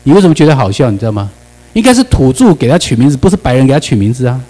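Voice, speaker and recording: Fast-talking Taiwanese Mandarin lecturer, man. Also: mid-range voice, sing-song, mellow, rough recording. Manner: keeps asking the class rhetorical questions; mixes English words into his speech. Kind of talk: classroom lecture.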